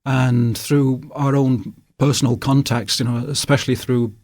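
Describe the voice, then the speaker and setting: An older Englishman with a Manchester accent is a guest author being interviewed in a radio studio. His mid-pitched voice sounds close and dry with no room echo, and he rambles in a relaxed manner, often pausing on fillers.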